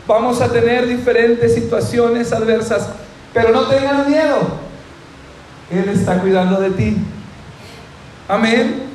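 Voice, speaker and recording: A man's voice: extremely high pitch, steady tone, unhurried, pauses often, darkish tone, slight background noise. A male pastor preaching a fervent sermon, often calling out amen and asking the congregation to speak to the person beside them. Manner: addresses the audience directly and asks them to repeat phrases. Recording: very echoey room with faint ambience.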